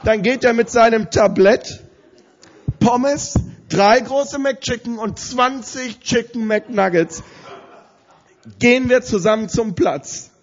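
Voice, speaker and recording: A man preaching, telling a funny story in an animated, often laughing way before citing scripture. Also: very high-pitched, slow pace, muffled recording. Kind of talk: story-driven sermon.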